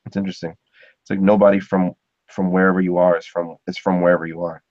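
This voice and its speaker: A low-pitched, slightly mellow man from Ohio speaks fast in a level tone as he hosts a casual podcast, rambling and chuckling with plenty of fillers. The muffled, dull recording is dry.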